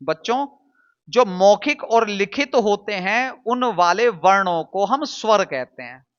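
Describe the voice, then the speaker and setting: A man's voice: sits high, expressive, slow, fairly bright tone, clear, resonant tone, muffled recording. A man teaching a Hindi lesson to students, patiently drilling sounds aloud and answering his own questions. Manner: asks questions and answers them himself.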